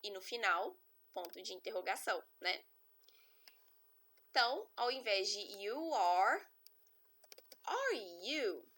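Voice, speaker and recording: A woman's voice: mid-range voice, sing-song, slow, pauses often, fairly bright tone. A woman, teaching English grammar in an online lesson, explaining step by step and often checking in with her students. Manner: patient, step-by-step explaining with frequent check-ins.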